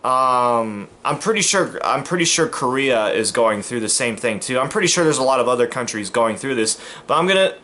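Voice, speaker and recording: A man's voice: mid-range voice, lively intonation, fairly quick, few pauses, pushed and bright, a little hiss or hum. Rambling American man vlogging to camera. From United States. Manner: rambling, repeats himself, many fillers and restarts; earnest, emphatic. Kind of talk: casual monologue to camera.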